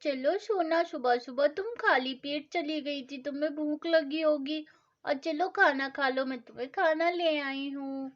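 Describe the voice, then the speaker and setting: Loud scolding mom, high voice, muffled lo-fi sound, a woman doing her. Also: unhurried. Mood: caring. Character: strict but loving mother, scolding. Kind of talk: storybook doll-play acting. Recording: dull lo-fi sound.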